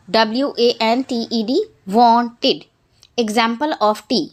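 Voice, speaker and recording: A woman teaches a young pupils' lesson, reading sentences slowly and spelling words out letter by letter. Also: on the high side. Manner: reads English slowly, then explains quickly in Urdu. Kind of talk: exercise walkthrough for young pupils.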